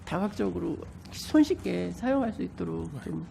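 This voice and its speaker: A woman with a stuffy nose from a cold, politely putting formal questions as a council member in a measured, slightly hesitant way. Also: lowish voice, expressive, creaky, warm tone, a little hiss or hum.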